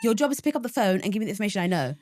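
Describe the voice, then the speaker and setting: A woman's voice: mid-range voice, very animated, very fast, darkish tone. A woman co-hosting a podcast, ranting in a blunt, indignant casual chat. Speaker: podcast co-host.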